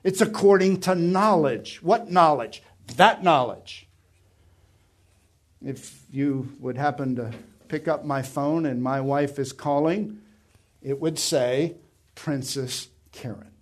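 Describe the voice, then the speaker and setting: A man's voice: on the high side, slow pace. A middle-aged man preaching a sermon as pastor, with an emphatic, varied delivery.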